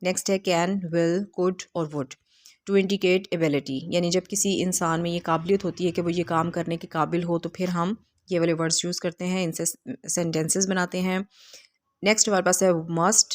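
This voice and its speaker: A woman teaching an English textbook lesson in a video, reading the English lines slowly and carefully and explaining them with hesitant fillers. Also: lowish voice, steady tone.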